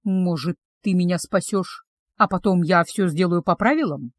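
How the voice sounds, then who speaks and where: A woman voicing a cursed young man, a tender unseen suitor who talks softly and slowly in a low voice. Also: no room sound, lightly acted. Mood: earnest. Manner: soft, low and slow-spoken.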